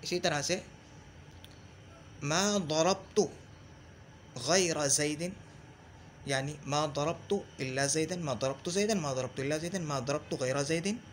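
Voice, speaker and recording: A man gives a patient grammar lesson, saying each example phrase over and over and pausing to check that the student follows. His voice sits a little high for a man. A faint hiss runs under the recording. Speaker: Arabic grammar teacher. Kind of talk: explanatory lesson.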